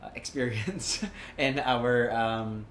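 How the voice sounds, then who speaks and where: A man's voice: mid-range voice, steady tone, slow pace, a bit bright, reverberant. A man in his thirties co-hosting a casual home podcast, rambling and teasing with frequent laughs, on a lapel mic. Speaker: podcast co-host. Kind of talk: casual chat. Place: home in a busy city district. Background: faint street traffic.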